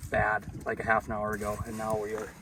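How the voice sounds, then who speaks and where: A man hosting a casual fishing vlog outdoors on a lake boat, talking in an excited, chatty way. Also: on the low side, fairly quick. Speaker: fishing vlogger. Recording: light outdoor noise.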